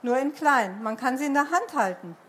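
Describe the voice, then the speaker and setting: A woman's voice: sits high, animated, normal speed, fairly bright tone, slightly rough, exaggerated voice. A woman voicing an earnest boy adventurer in a children's storybook, explaining patiently, read aloud at a bookshop event.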